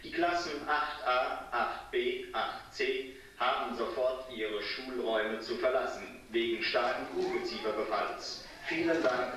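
A stiff school intercom announcer. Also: male voice, mid-range voice. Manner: slow, stiff official delivery. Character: formal male school office announcer. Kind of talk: comedy sketch. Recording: very echoey, distant loudspeaker sound.

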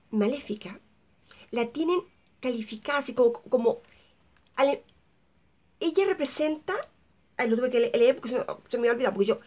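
A woman's voice: fairly high pitch, darkish tone, breathy edge. A woman in her fifties with a Chilean accent, casually recommending films to camera in a chatty, rambling way and often losing her train of thought. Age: 50s. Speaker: vlogger.

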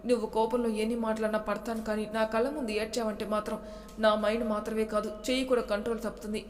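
A hot-tempered, possessive young man snaps out threats in a flat, level voice, as a woman reads him aloud. The storybook reading rings with a long, echoing reverb. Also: on the high side, fast, lightly acted. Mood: angry. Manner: harsh, threatening, loud. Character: angry domineering young man, possessive lover.

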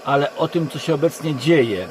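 A Polish man giving a rambling monologue to camera from inside a car, speaking haltingly and often correcting himself. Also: fairly high pitch. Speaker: online video creator. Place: inside a parked car in a forest. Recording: constant background noise in a car. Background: steady background hum.

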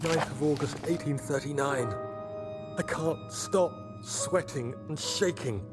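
A man's voice: medium pitch, lightly acted. An actor playing a haunted young man reading his diary aloud in a video game, tense and guilt-ridden. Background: game music.

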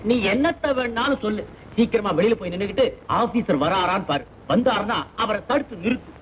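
A man's voice: sits high, expressive, brisk, a little hiss or hum. An actor playing a sly, greedy man who mocks and orders others about, in a dull old film recording. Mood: mocking. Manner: mocking, bossy. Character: sly greedy man stealing food, cheeky. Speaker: officer posing as a postman. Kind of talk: 1950s film comedy acting.

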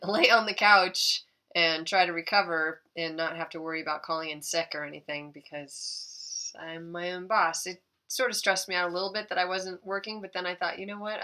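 Nasal and stuffed up with a cold, this woman rambles through her eBay resale recap in a relaxed way, often correcting herself. Her pitch is fairly low and her tone sharp, in a dry recording.

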